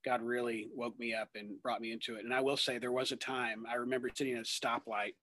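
A man's voice: medium pitch, flat delivery, quick pace, pushed and bright, no room sound. A man in his thirties, a ministry worker and guest, talking earnestly in a rambling way with many fillers and restarts. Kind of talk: conversational testimony.

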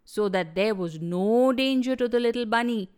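A woman's voice: on the high side, normal speed, a little mellow, clear, resonant tone, close to an everyday voice. A woman voicing a bragging fox who puffs up its chest in a storybook. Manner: wailing, then boastful.

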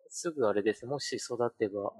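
A man's voice: medium pitch, fairly quick, darkish tone. A man co-hosting a casual tech podcast, curious, often prompting the other speaker. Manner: curious listener, frequent backchannels. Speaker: podcast co-host. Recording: husky voice in reverberant room.

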